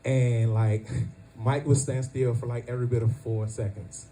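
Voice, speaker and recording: A man in his thirties performing a stand-up comedy set at a family reunion, loud and animated, shouting his punchlines. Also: medium pitch, unhurried, recorded from a distance, a little hiss or hum.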